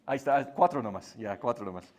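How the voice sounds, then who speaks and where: A man's voice: mid-range voice, a little fast. A man whose first language is English, teaching a Bible class in Spanish with patient explanations and frequent tag questions.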